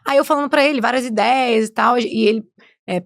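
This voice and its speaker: A woman's voice: on the high side, a little fast, creaky, no room sound, clean studio sound. A woman, chatting as a guest on a podcast, tagging her sentences with "né?". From Rio de Janeiro state, Brazil. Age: 20s. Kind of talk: casual podcast conversation.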